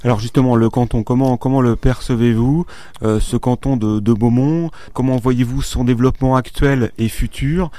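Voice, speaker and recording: A man interviewing a local candidate, asking his questions haltingly with frequent fillers. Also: medium pitch, steady tone, dark tone, no room sound. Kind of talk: radio-style interview questions.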